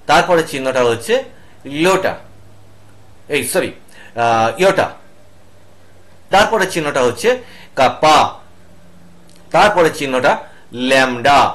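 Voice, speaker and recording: A middle-aged male teacher with a slightly high voice gives a patient online lesson. He talks students through each symbol step by step. His delivery is steady and explanatory.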